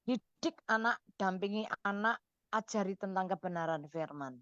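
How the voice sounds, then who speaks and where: A woman's voice: mid-range voice, normal speed, a bit bright, no room sound, dull audio. Woman giving motherly radio counsel.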